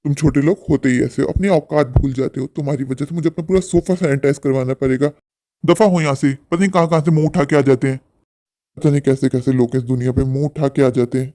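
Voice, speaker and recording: A man voicing an arrogant rich boss in a cartoon, who talks in a scornful, harsh way and shouts others down. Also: mid-range voice, fairly even intonation, fast, close to an everyday voice. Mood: contemptuous. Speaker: cartoon character.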